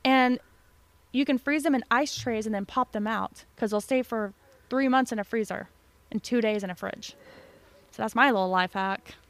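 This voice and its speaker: A woman's voice: fairly high pitch, normal speed, no room sound. A woman co-hosting a podcast in casual, chatty conversation, recorded at a desk mic at home. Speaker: podcast co-host. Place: home basement with no door. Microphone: desk microphone.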